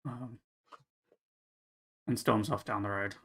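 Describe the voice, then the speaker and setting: A man narrating as game master of a tabletop game, halting with fillers and restarts. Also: on the low side, steady tone, a bit bright, husky.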